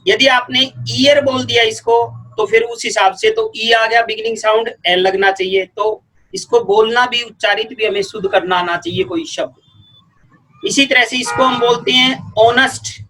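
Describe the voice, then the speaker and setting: A man explains a grammar lesson at a patient, step-by-step pace. His voice sits very high and sounds bright and forceful. He often says words twice, slowly, to show how they sound. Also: steady tone, poor audio. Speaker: teacher.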